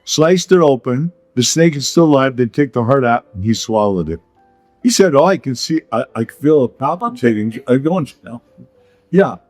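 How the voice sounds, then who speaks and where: A man's voice: mid-range voice, animated, moderate pace, no echo, soft background music. Man telling rambling stories, laughing often. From Pacific Palisades, California. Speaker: podcast host. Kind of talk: casual chat.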